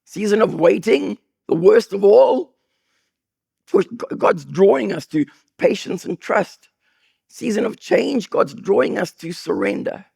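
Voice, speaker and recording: A man preaching a sermon as pastor, with an accent, telling humorous stories with sudden high bursts of emphasis. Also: a little slow, no room sound, studio quality. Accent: non-local accent. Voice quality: gravelly, husky voice. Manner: animated, jokey storytelling with sudden high bursts.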